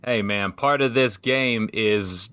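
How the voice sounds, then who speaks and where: A man hosting a podcast interview, upbeat and casual, calling his guest brother. His voice is bright and a little tense, and the recording is dry with no room sound. He talks over his guest freely and often laughs. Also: lowish voice, slow pace, clear, resonant tone, no echo. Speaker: podcast host.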